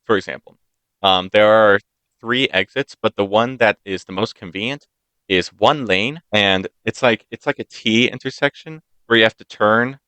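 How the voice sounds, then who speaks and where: Bright-voiced young man, animated storyteller. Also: on the low side, moderate pace, smooth, dry recording. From United States. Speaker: podcast co-host. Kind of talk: casual podcast chat.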